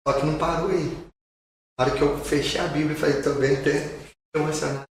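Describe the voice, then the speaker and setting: A pastor with a Brazilian Portuguese accent tells a personal testimony in a podcast, in an earnest storytelling manner and repeating phrases for emphasis. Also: male voice, a little high, fairly even intonation, quick pace. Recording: very echoey room, distant mic, faint noise.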